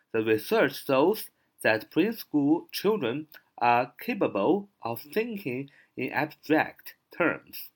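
Lively Chinese man teaching vocabulary. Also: mid-range voice. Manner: spells words letter by letter, frequent "ah" fillers. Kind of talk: exam vocabulary lesson.

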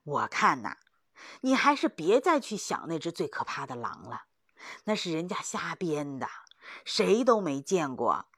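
A woman voicing an experienced old male hunter who speaks steadily and reassuringly, sometimes dropping to a hush. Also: sits low, sing-song, measured pace, breathy edge, no echo, clean studio sound, full character voice.

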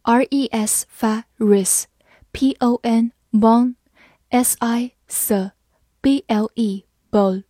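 A woman whose first language is Chinese teaches English vocabulary in a scripted lesson, spelling each word letter by letter and reading the example sentences slowly. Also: on the high side, fairly even intonation, dark tone, no room sound, studio quality.

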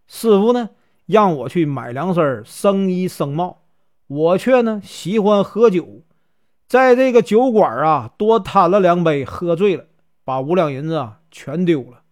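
A ragged, cheeky monk who jokes and needles, his voice leaping high and swooping through a wide range, as a male storyteller with a Northeastern Mandarin accent puts him on. The teasing comes with a mocking lilt, like a prankster playing the fool in a spoken folk tale. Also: expressive, measured pace, a little mellow. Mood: lamenting. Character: scruffy, playful, teasing old monk.

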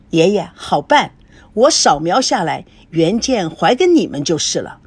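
Young man, a grandson in an audiobook, a woman reading him, light and casual, husky mid-range voice. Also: lowish voice, very animated, unhurried, no room sound, full character voice. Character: young grandson, newlywed man, evasive and kind.

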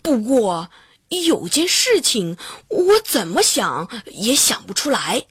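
A woman voicing a clever, stubborn male fisherman in a storybook, with a husky, lowered voice and a wary, determined manner. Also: very animated, takes it slowly, fairly bright tone, no echo, clean studio sound, exaggerated voice. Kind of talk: storybook character voice.

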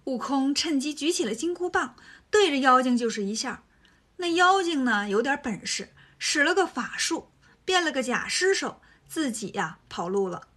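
A woman narrating a children's story in a lively, colloquial way. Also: sits high, normal speed.

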